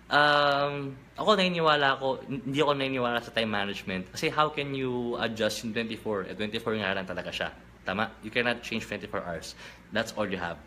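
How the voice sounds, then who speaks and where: A young Filipino man giving an energetic motivational business talk in mixed Tagalog and English, repeating catchphrases and answering viewer questions. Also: mid-range voice, slight background noise. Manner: energetic, repetitive Taglish with catchphrases.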